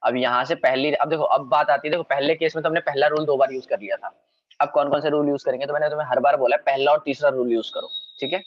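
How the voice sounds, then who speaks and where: A man's voice: on the high side, fairly even intonation, no room sound, highs cut off. A man giving a recorded science lesson to school students. He keeps checking whether they understood and corrects his own slips as he goes. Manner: repeatedly checks understanding, quick self-corrections. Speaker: science teacher. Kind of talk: recorded revision lecture.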